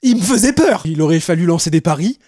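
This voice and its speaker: A young man telling a comic story from his own life in a casual monologue, swinging between loud bursts and quiet asides. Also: high voice, expressive, fast talker.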